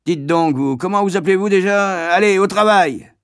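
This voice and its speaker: Man playing a stern shouting schoolmaster, high and loud, dry sound. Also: normal speed, no room sound. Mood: barking. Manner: barking, shouting. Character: bristling strict male schoolmaster, barking orders.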